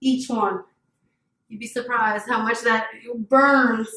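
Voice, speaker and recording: A woman's voice: fairly high pitch, steady tone, slow, pushed and bright. A woman trainer talking through an at-home workout in casual chat, upbeat and laughing often. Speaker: fitness trainer guest. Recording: echoey room.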